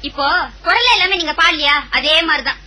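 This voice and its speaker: A woman playing a sharp-tongued, fed-up housewife who answers her broke husband with sarcastic retorts, in a comedy audio drama. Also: high voice, expressive, fairly quick, full character voice. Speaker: wife.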